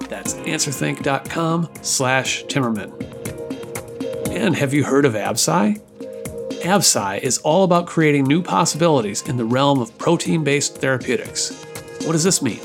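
A man hosting a podcast, reading sponsor spots and then chatting with his guest in a relaxed way. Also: on the high side, vocal fry, music in the background. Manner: brisk ad reading, relaxed chat with fillers. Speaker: podcast host. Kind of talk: read ads, then casual interview.

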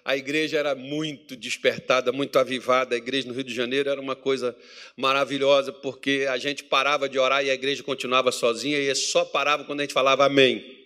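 A man preaching a lively sermon as a pastor in church, telling stories with humor and acting out the voices of people he quotes. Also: medium pitch, quick pace. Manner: jokes and acts out quoted voices, chuckling.

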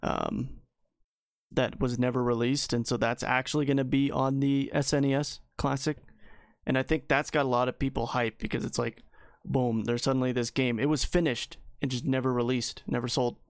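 A man's voice: medium pitch, moderate pace, dry recording. Guy on a gaming podcast, rambly and chill, dry close sound. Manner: relaxed, rambling with fillers. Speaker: podcast co-host. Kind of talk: casual gaming chat.

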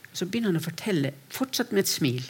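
A man preaching a sermon to a congregation, earnest and storytelling, often restarting phrases and moving between quiet and raised delivery. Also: high voice, big pitch swings, breathy edge. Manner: earnest, repeats words when restarting, shifts between soft and raised voice. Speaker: preacher speaking for a mission to persecuted Christians. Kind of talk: sermon with personal stories.

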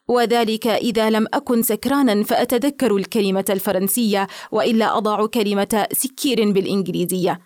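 A woman's voice: a little high, a little mellow, dry recording, studio quality, lightly acted. A woman voicing a drunken, teasing colonial man at a party in an audiobook reading, pleading and confiding in mock humility.

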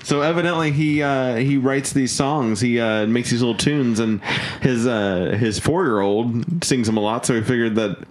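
A man hosting a podcast, laid-back and chatty, often laughing and pausing with "uh". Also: medium pitch. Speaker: podcast host. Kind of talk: casual chat.

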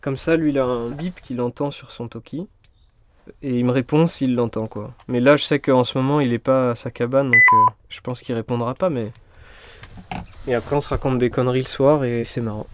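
A man in his twenties talking casually in a documentary interview about his life in a forest cabin, relaxed and hesitant, with many fillers and restarts. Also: mid-range voice, moderate pace, a little hiss or hum. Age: 20s.

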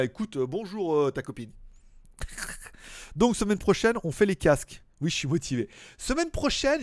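A man's voice: high voice, darkish tone, no room sound, clean studio sound. Chatty man hosting a live stream. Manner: chatty, joking, greets viewers by name. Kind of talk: casual live-stream chat reading viewer messages.

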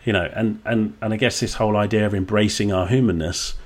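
A man's voice: lowish voice, steady tone, fast talker. A man with a Suffolk accent speaking as a coach being interviewed, candid and casual, reflecting and sometimes acting out bits of dialogue. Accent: Suffolk English. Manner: candid, swears casually, acts out quoted dialogue.

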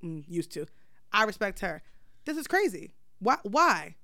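A young woman in her twenties on a casual podcast, spinning a long story and slipping into everyone's voices as she goes. Her voice is smooth and clear, recorded close and dry with no room sound. She's blunt and profane, and throws herself into it. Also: mid-range voice, unhurried, dry recording. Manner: animated storyteller acting out dialogue, blunt and profane. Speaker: podcast co-host telling a story. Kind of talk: casual chat.

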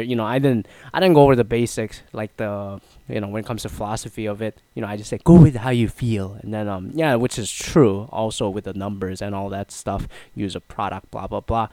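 In a dry recording, a podcast host's low, darkish, smooth voice carries his casual solo talk show. He meanders and mocks himself, his voice nasal and congested, his throat half gone.

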